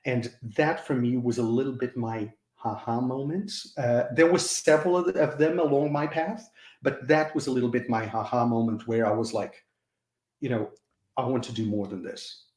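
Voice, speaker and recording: Halting man, echoey. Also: mid-range voice, fairly even intonation, a little mellow. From Mozambique. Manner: halting, many fillers and restarts, earnest. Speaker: guest. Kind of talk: hesitant conversational interview answers. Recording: roomy echo.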